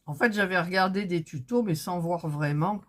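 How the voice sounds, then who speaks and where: A woman's voice: fairly low pitch, moderate pace. A woman talking her way through a crafting project in a casual vlog, thinking aloud and getting flustered when it goes wrong. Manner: chatty, thinking aloud, gets flustered and exasperated. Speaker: craft vlogger.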